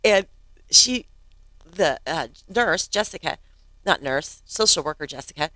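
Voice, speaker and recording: A podcast host in her fifties tells a story from home in a relaxed monologue. Her voice sits a bit low, and she keeps it chatty and animated. The sound is close and dry. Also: unhurried, dry recording. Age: 50s. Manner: chatty, laughs often, acts out quotes.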